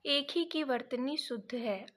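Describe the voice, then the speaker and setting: A woman teaching an exam prep lesson, reading each option and then correcting it step by step, sometimes pausing to check her notes. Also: sits high, fairly bright tone. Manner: pauses to check notes mid-sentence.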